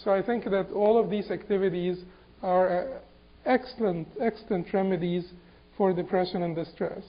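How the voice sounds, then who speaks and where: A man from Egypt giving an Islamic lecture, halting and repeating words with many fillers. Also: high voice. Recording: dull lo-fi recording.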